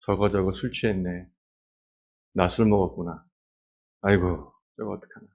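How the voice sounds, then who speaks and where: A man's voice: deep voice, fairly even intonation, moderate pace, a little mellow, highs cut off. A man voicing a stern, judgmental old male priest who scolds, then grudgingly blesses. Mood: scolding. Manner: scolding, then mildly conceding.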